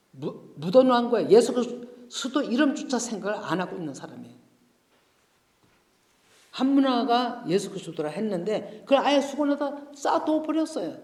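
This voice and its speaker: A man preaching a Sunday sermon as pastor, speaking straight to the congregation in an expressive way. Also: sits high. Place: church sanctuary. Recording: echoey church hall.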